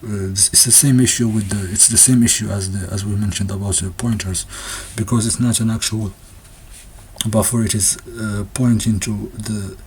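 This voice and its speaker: A man explaining a textbook's ideas in a casual unscripted talk, halting often with restarts and fillers and sometimes laughing nervously. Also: fairly low pitch, fairly even intonation, slight background noise. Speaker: presenter discussing a textbook.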